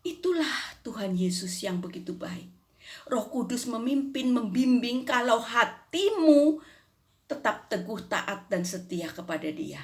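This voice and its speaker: A woman's voice: a little high, expressive, a little slow. An older woman recounting a faith experience in an easy, conversational manner. She drops in little tag questions and acts out the dialogue as she goes. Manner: conversational, frequent "gitu ya" tags, acts out dialogue. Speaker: churchgoer giving testimony. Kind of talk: personal faith testimony.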